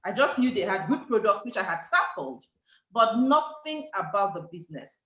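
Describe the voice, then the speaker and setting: Animated Nigerian woman telling a story. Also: mid-range voice, normal speed. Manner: animated, acts out quoted dialogue. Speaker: guest speaker. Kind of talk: storytelling talk. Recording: echoey, dull online call audio.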